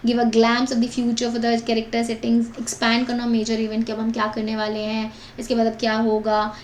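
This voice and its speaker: Young woman teacher going over words, chatty, bit high and gravelly, echoey room with some hiss. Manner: chatty, explains with repetitions and asides. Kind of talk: vocabulary lesson in mixed Hindi and English. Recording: echoey room with faint noise.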